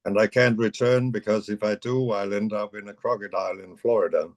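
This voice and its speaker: A man's voice: on the low side, fairly even intonation, fairly quick. A man from the United States, an audience participant asking a question in a hesitant, conversational way with many fillers over a video call.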